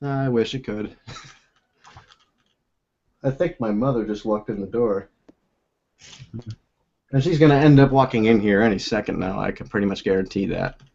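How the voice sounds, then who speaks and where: A man's voice: fairly low pitch, normal speed, gravelly, pauses often, a little mellow, slightly rough, lo-fi sound. A young man hosting a casual video call chat, rambling and laughing often as he talks from a room at home. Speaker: host. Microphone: own desk microphone.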